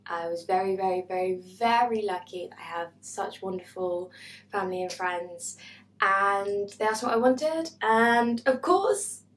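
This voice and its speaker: A woman's voice: medium pitch, a little slow, a little hiss or hum. A woman, chatting bubbly and self-mocking through a book haul vlog. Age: 20s. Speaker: booktuber. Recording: echoey room.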